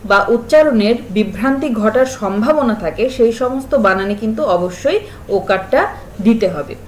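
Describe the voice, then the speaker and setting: A woman teaching a spelling lesson to school pupils, slowly listing example words and stressing their sounds. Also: on the high side, lively intonation, a little hiss or hum, rough recording. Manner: stresses and repeats sounds to show pronunciation.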